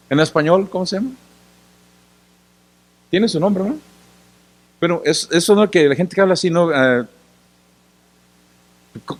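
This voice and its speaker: A male pastor delivers a sermon, sounding tired after a day of work. He talks casually with the congregation, throws questions at them and acts out small scenes. His voice sits somewhat high for a man. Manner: conversational, asks the congregation questions often; acts out little scenes and gestures. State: tired after working in the sun.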